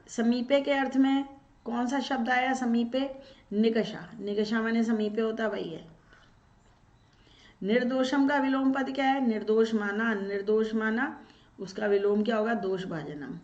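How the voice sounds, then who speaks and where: A woman's voice: on the high side, roomy sound, muffled recording. A woman teacher going through an exam paper, asking questions and answering them herself, step by step. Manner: explains step by step, asks and answers her own questions. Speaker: Sanskrit teacher. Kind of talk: exam-paper walkthrough lesson.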